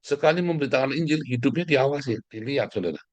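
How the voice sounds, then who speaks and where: A middle-aged man, preaching a fiery sermon in a scolding, combative way that swings between loud outbursts and hushed asides. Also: medium pitch, expressive, fast talker, no echo.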